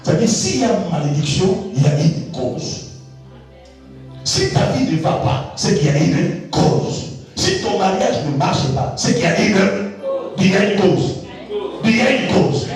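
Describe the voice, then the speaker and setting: High-voiced preacher in an echoey hall. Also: male voice, very animated, measured pace. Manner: emphatic preaching, swinging from low asides to high shouts; repeats words and phrases for emphasis. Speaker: pastor. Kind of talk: sermon. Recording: very echoey, distant from the mic, faint music.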